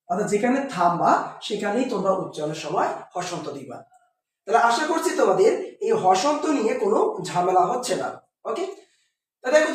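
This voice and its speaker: A man teaches pronunciation rules step by step, posing questions and answering them himself. His voice rings out in a strongly echoing room with a faint hiss underneath. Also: very high voice. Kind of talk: explaining pronunciation rules to students. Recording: very echoey room with faint noise.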